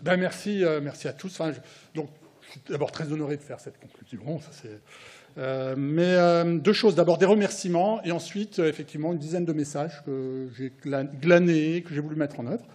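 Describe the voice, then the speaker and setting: A man, a research unit director, giving conference closing remarks in a halting way, with many fillers and restarts and some light joking asides. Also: a little high, a little mellow.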